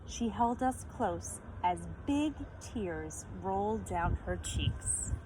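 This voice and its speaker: This read-aloud storyteller is a woman who speaks slowly, her medium-pitched voice full of lively intonation. She brings a children's picture book to life expressively, defining words and quizzing listeners in a teacherly way, over faint background noise.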